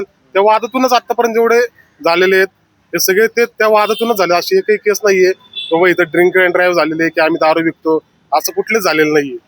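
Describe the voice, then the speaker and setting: A man's voice: sits high, fairly bright tone, no room sound. A man who runs a hotel, answering a reporter's questions in a street interview, insistent and complaining. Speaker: hotel owner.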